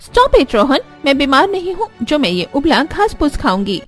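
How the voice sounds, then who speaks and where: A woman's voice: high voice, sing-song, normal speed, soft background music. A woman voicing a spoiled, dismissive young rich wife in a cartoon, whiny in tone. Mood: bratty. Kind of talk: animated cartoon voice acting.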